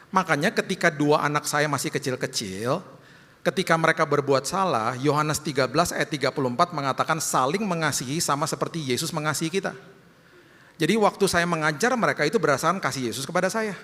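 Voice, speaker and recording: A man's voice: fairly high pitch, fast, bright, forceful tone. A male pastor preaching a sermon in a conversational way, often acting out quoted voices. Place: large church hall. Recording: long church hall reverb.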